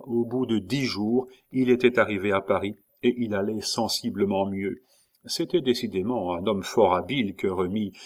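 A man reads a classic novel aloud with measured, expressive pacing. His voice sits on the low side. The delivery is a scripted audiobook narration.

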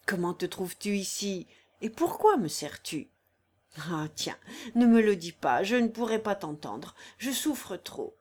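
A woman's voice: mid-range voice, sing-song, unhurried, darkish tone. A woman voicing a fierce, robust singer in agonizing labor, cursing, defiant and cynical. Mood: anguished. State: in agonizing pain.

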